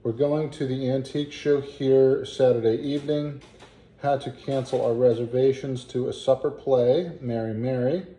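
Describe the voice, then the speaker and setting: A man reading an old family letter aloud in a halting way, with asides and pauses to puzzle out words. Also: mid-range voice, steady tone, mellow. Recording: roomy, echoing home recording.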